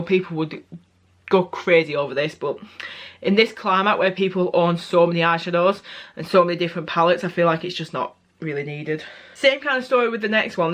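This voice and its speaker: A woman's voice: lowish voice, fairly bright tone. A young woman beauty vlogger giving a casual, candid product review, often correcting herself mid-sentence.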